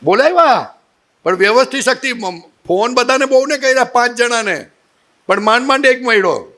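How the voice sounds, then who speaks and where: High-voiced man teaching with playful humor. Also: moderate pace. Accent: Gujarati. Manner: humorous, animated storytelling with rhetorical questions. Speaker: spiritual teacher. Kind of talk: satsang talk.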